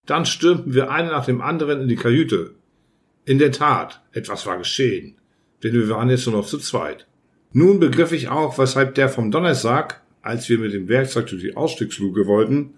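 A man narrating an audiobook in the first person, telling the story with lively acted shouts. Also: mid-range voice.

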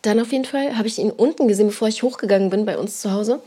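Brief: young woman podcast co-host, quick rambling storyteller, low-key mellow tone. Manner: rambling, lots of fillers and slang tags. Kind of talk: casual storytelling chat.

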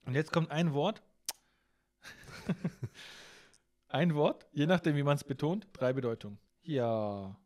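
A man's voice: a little high, a little slow, pauses often, a little mellow. A man co-hosting a casual podcast chat, playfully teaching his friend words in a teasing way. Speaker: podcast co-host.

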